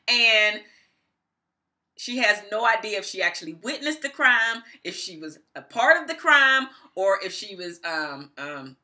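This middle-aged woman vlogs a casual book review from a small room in her home, using a medium-pitched voice with a sharp tone. She repeats phrases and hammers her points with emphasis.

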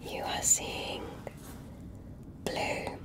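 A woman whispers breathily in an ASMR medical roleplay, playing a careful examiner. Speaking very slowly, she gently offers step-by-step instructions and reassurance.

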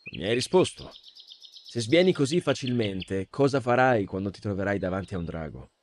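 A man's voice: lowish voice, animated, fairly quick, a little hiss or hum, lightly acted. A man voicing a genial, amused adult stranger who teases a boy in a storybook reading. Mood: teasing. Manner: jovial, teasing.

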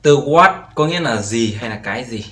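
A man's voice: medium pitch, expressive, normal speed, pushed and bright. A man teaching a beginner English lesson, patiently repeating each word and often checking with "right?". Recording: roomy echo with faint background noise.

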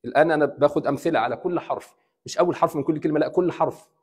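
A man with an Egyptian Arabic accent, an imam giving a classroom lecture in Arabic and English, explaining slowly, repeating examples and asking his students questions. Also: on the high side, husky, big-room sound. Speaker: imam teaching Quran recitation. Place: mosque hall.

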